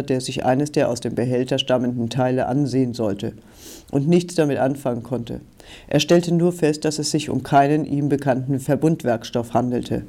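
Mellow male audiobook narrator. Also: medium pitch. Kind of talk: scripted narration.

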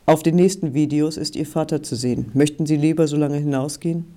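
A man reading the lines of a calm, polite man in an audiobook. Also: a little high, a little fast, lightly acted.

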